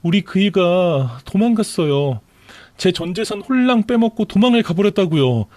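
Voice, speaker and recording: A man voicing a desperate, pleading young pregnant woman in a storytelling radio drama, whining and begging in a shrill tone. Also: expressive, moderate pace, darkish tone, dry recording.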